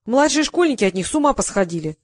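Woman reading pushy young shopgirl, higher and brighter than the narration, dry close sound. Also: very animated, fast, dry recording. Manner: brash, pushy sales talk. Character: pushy young female toy shop saleswoman.

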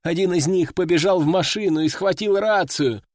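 A man narrating a first-person fantasy audiobook with expressive storytelling. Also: high-pitched, moderate pace, no room sound, studio quality.

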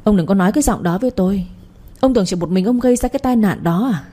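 A woman's voice: mid-range voice, dark tone, slightly rough, lightly acted. Woman playing sly thieving village man Tuấn. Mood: defiant. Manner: taunting, fast and scornful.

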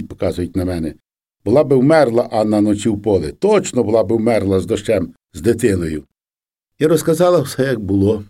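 A man narrating a story in the first person, with expressive, vivid storytelling. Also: lowish voice. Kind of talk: scripted narration.

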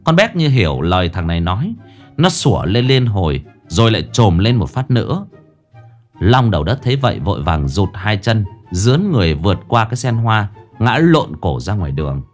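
Animated male narrator for a comic tale, faint music. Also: on the low side, fairly quick. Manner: lively, comic storytelling. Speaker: storyteller. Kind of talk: audio story narration.

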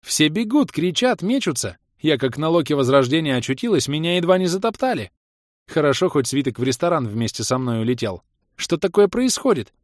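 A man reading an audiobook, voicing a panicked young sorceress who shouts frantically. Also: medium pitch, very animated, moderate pace, breathy edge, no echo, clean studio sound.

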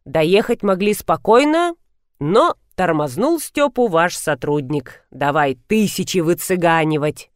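A woman voicing a sly, bold middle-aged woman who talks briskly and cheekily to get out of trouble, in a storybook reading. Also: on the low side, animated, no echo, studio quality. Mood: spinning a tale.

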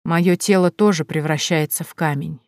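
A woman voicing a pale young man who poses as a ghost, speaking slowly and reproachfully. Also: low voice, fairly even intonation, dry recording, studio quality. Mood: eerie, reproachful.

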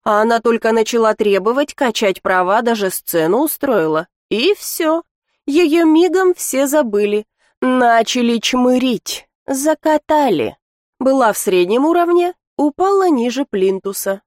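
A woman's voice: a little high, lively intonation, unhurried, darkish tone, dry recording, clean studio sound. Woman reading as a catty young student. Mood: scornful. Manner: mocking, dismissive.

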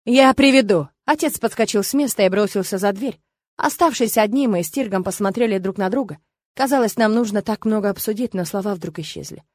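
A woman reading a first-person novel aloud in a lively, expressive way. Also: medium pitch, brisk, no echo, studio quality. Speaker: audiobook narrator. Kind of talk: first-person audiobook narration.

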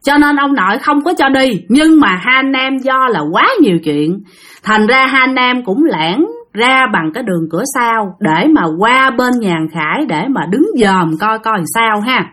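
A woman with a Southern Vietnamese accent tells a ghost story casually, talking straight to her listeners. Her voice is fairly high and lively, rising and falling a lot, with a slightly husky, breathy tone. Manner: chatty, addresses listeners directly.

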